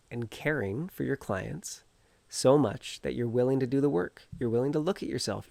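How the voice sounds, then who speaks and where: An energy healer and coach with a cold and stuffed-up nose earnestly encourages viewers in self-help style while talking outdoors. His medium-pitched voice is gravelly and a little mellow, and the recording is dry.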